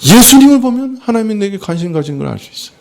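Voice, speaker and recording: Animated Korean-speaking male preacher. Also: high voice, quick pace, vocal fry. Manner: animated preaching, rhetorical questions and answers. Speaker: pastor. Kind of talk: sermon. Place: church.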